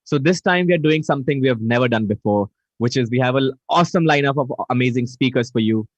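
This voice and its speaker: A man with a mid-range voice talks fast, with no room sound, as he hosts a live online event over a video call. Energetic, he greets viewers again and again and reads their chat messages aloud. The video call audio is dull and dry.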